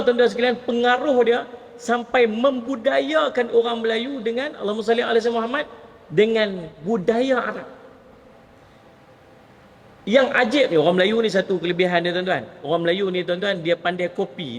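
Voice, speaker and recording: A Malaysian man with a northern Malay accent giving a lively mosque lecture, often addressing his audience directly. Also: high-pitched. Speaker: Islamic preacher. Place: mosque hall. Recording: long reverb of a mosque hall.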